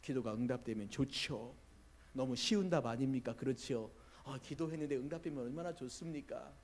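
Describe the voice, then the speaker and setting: A man preaching a sermon to his church as pastor. He puts rhetorical questions to the congregation and moves between hushed asides and loud, emphatic passages. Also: medium pitch, a little fast. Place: church sanctuary.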